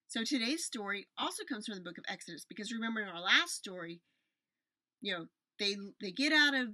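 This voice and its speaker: Woman, 40s, children's Bible storyteller, bright crisp tone, dry close webcam sound, animated hand gestures. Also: fairly high pitch, dry recording. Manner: expressive, gestures with her hands while telling the story. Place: small room at home with shelves. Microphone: webcam at desk distance.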